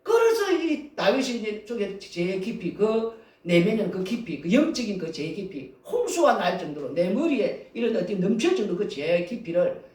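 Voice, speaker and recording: A man's voice: sits high, very animated, moderate pace, darkish tone, far from the mic. A male pastor preaching a Sunday sermon in a conversational style, full of rhetorical questions. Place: church sanctuary. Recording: roomy sound from off the mic.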